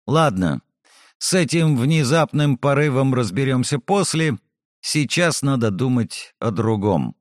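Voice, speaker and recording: A man narrating a first-person fantasy audiobook in a wry, ironic, expressive way, recorded on a close studio mic. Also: mid-range voice, measured pace, no room sound.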